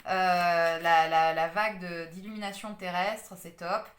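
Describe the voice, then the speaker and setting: A woman's voice: fairly low pitch, little pitch movement, unhurried, reverberant. A woman giving a casual tarot and astrology reading, talking with many hesitations, fillers and restarts. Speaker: tarot card reader.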